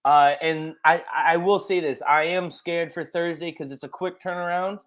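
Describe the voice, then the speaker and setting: A young man co-hosting a casual sports podcast, excitable and rambling with lots of fillers. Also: a little high, normal speed. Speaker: podcast co-host.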